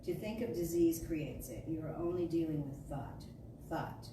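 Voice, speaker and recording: Echo and noise fill this far-off recording from a large indoor room at a spiritual center. There, a woman whose voice sits low reads a metaphysical sermon dramatically, storyteller-fashion, her delivery emphatic, declarative, and deliberately phrased.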